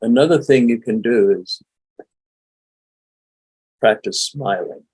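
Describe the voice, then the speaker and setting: An older man, a meditation teacher, giving a relaxed, folksy spoken lesson with frequent chuckles. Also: medium pitch, takes it slowly, breathy edge, no echo, poor audio. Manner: chuckling, folksy, demonstrates laughing exercises.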